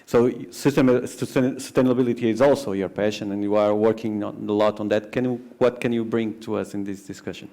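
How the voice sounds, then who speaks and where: A man moderates a panel discussion, putting questions to the speakers in a casual, somewhat stumbling way. His voice is low, with a warm, mellow tone. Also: steady tone, a little fast, hardly any pauses.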